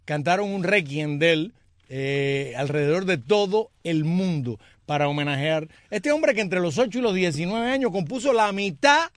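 A man's voice: high-pitched, animated, normal speed, dry recording, clean studio sound. A man co-hosting a radio show, telling facts in an informative, storytelling way. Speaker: radio co-host.

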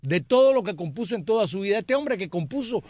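A man's voice: high voice, lively intonation, quick pace, a little mellow, dry recording. A man co-hosting a radio show, telling facts in an informative, storytelling way. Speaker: radio co-host.

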